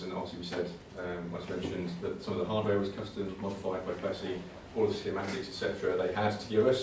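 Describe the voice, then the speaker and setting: This is a man with a low, even voice presenting informally with slides at a computing conservation talk in an indoor venue. He comes across as hesitant and conversational, often repeating words. The room is very echoey, the mic is distant, and there's faint background noise.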